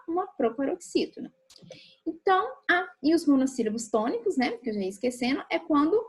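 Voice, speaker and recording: A woman teacher explains her lesson step by step, checking in with her students as she goes. Her voice sits a little high and has a husky, slightly breathy grain. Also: a little mellow. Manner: patient and explanatory, with frequent tag questions. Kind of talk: recorded classroom lesson.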